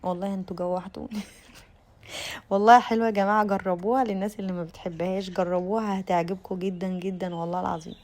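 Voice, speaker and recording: A young Egyptian woman narrates in a quick, chatty way with an Egyptian Arabic accent. Her voice has a gravelly fry, and she speaks straight to her viewers, stopping and restarting her sentences as she goes. The pitch sits in a middle range. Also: flat delivery, darkish tone. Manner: chatty, addresses viewers directly, frequent restarts. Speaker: lifestyle vlogger. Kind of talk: casual voice-over narration.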